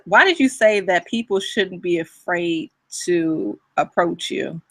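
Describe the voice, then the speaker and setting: A woman's voice: on the low side, lively intonation, slow pace, no room sound. A woman hosting an interview, speaking with enthusiastic energy. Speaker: interview host. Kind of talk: interview host.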